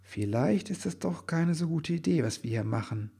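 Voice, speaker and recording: A man's voice: a little high, lively intonation, moderate pace, vocal fry, mellow, slightly rough, voice pushed up, exaggerated voice. Man doing a nervous, earnest elf man. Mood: worried. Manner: hesitant, then tumbling out words. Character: anxious earnest male Christmas elf. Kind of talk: storybook reading.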